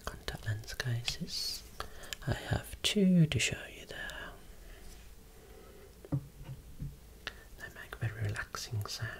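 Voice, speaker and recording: Slow whispering ASMR optometrist. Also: medium pitch, lively intonation. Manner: soft unvoiced whispering, explaining slowly. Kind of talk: ASMR role-play.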